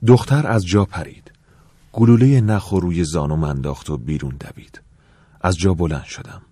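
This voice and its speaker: A man narrating an audiobook in the first person, calm and measured, at times dropping to a soft whisper. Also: deep voice, slightly rough, no echo.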